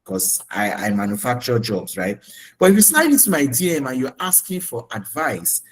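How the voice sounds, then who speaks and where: A man's voice: medium pitch, big pitch swings, moderate pace, low-quality recording. A man with a Nigerian English accent giving career advice on a webinar, speaking emphatically and often checking in with "okay?" and "right?". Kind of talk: coaching talk on a webinar.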